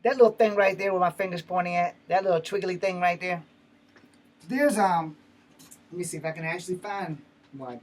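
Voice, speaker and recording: An American man in his fifties hosts his own vlog, chatting casually to viewers in a rambling, slangy, profane way. His voice is high and a little fast, captured by a noisy, distant-sounding mic with room ambience.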